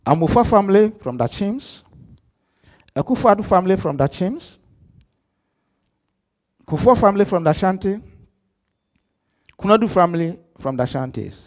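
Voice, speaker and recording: A middle-aged man from Ghana with a Ghanaian accent, an apostle giving a live-streamed church address that swings between loud emphasis and soft asides. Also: high voice, expressive, moderate pace, pauses often. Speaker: apostle preaching.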